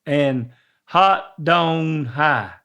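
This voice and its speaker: Slow, bright-voiced hesitant man. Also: on the high side, animated, gravelly, clean tone. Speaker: player in a family word-guessing game. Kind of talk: casual chat, sounding out phrases aloud.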